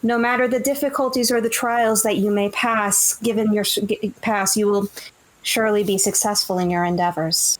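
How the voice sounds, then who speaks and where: A woman voicing a calm, theatrical elven fortune-teller in a tabletop game, speaking in a slow, reassuring way. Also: mid-range voice, close to an everyday voice, low-quality recording. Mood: soothing.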